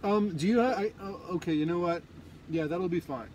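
A man's voice: high-pitched, brisk, a little mellow. A man in his thirties speaking hesitantly and insistently while ordering at a drive-thru from inside a car. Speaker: prank caller at a drive-thru. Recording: faint car noise. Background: car and outdoor ambience.

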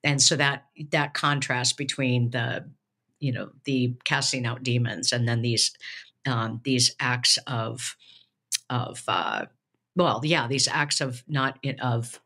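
A woman speaks from a home study over a webcam, thinking through a passage aloud in a casual discussion. Her voice is bright and forward, and she circles back often with fillers and restarts as she builds her point. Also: rumbling low, slow pace, slightly rough. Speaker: podcast co-host, preaching professor. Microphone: webcam on a video call.

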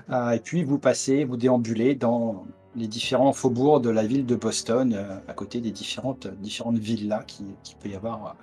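A man's voice: lowish voice, darkish tone. A man narrating a tabletop horror game as game master over a video call, with many hesitant fillers. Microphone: headset on a video call.

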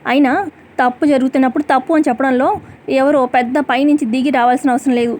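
A woman voicing a bold, righteous woman who lectures sharply and talks back, in a quick serial recap. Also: sits high, fairly even intonation, a little mellow, close to an everyday voice. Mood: scolding. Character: bold righteous woman scolding an arrogant rich lady.

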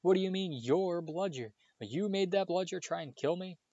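A man reading as a bold, determined schoolboy wizard in a storybook, pressing with urgent, insistent questions. The voice sits a bit higher than plain narration. The recording is slightly dull and dry. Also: fairly quick, darkish tone, no echo, close to an everyday voice. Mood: angry.

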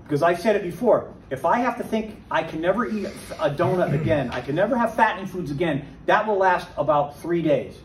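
A man with a fairly high voice gives a lively, conversational Bible teaching and keeps asking rhetorical questions. He sounds a little far from the mic, in a roomy church space. A faint hiss sits under the recording. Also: a little fast, few pauses. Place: church meeting room.

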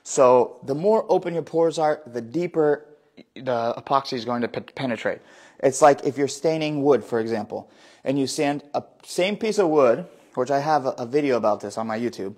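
Woodworker, 30s, male, mid pitch, talks while working in a big workshop, restarts often, phone mic a few meters off. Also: expressive, moderate pace, darkish tone. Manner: explains while working, restarts and self-corrections. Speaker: woodworker doing a live demo. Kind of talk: hands-on live demonstration. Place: large indoor wood workshop. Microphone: phone camera a few meters away.

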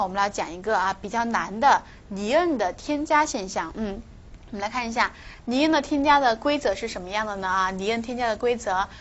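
Woman teaching pronunciation, dull recording. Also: on the high side. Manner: explains patiently, repeats example words slowly and stresses them. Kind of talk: online language lesson.

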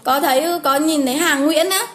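Over soft background music, a woman with a high, brisk voice hosts a relaxed livestream from home. She's picking giveaway winners, calling names repeatedly and chatting with many exclamations.

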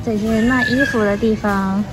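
A woman's voice: on the high side, steady tone, normal speed, over music. A young woman from Taiwan, chatting playfully through a casual shopping vlog on a handheld phone in a large store and a food court. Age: young adult. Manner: chatty, playful, sings little "噔噔" jingles. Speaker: vlogger. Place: large indoor warehouse store, then a busy indoor food court. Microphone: handheld phone, at arm's length in the food court.

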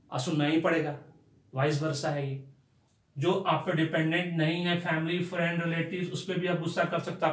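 A male lecturer giving a conversational life-skills lesson, asking rhetorical questions and mixing in English phrases. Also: on the high side. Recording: roomy echo.

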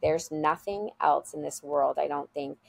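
A woman's voice: low-pitched, unhurried, vocal fry. A woman guest telling heartfelt stories about her school in a casual interview over a video call. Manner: earnest, heartfelt storytelling.

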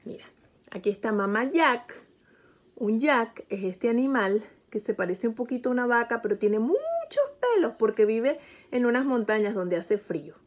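Gentle woman reading a picture book to children. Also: fairly high pitch, sing-song, moderate pace. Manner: gentle, speaks to the child listener. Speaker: storyteller.

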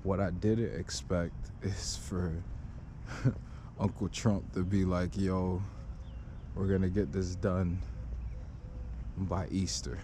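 A man's voice: deep voice, flat delivery, slow pace, pauses often. A young man talking casually while walking outdoors on a neighborhood street, holding a 360 camera on a selfie stick, in a laid-back, slangy vlog. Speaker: vlogger. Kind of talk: casual walk-and-talk vlog. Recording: outdoor recording with clear street noise.

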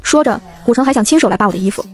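A woman narrating a first-person novel as an audiobook reader, in a brisk storytelling manner. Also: a little high, animated, breathy edge, faint music behind.

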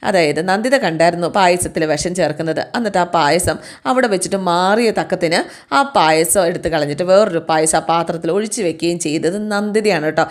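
A woman's voice: on the low side, brisk. A woman casually retelling a serial's plot, chatty and acting out the characters' lines. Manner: chatty, acts out quotes with tag words. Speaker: serial recap narrator. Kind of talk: casual storytelling recap.

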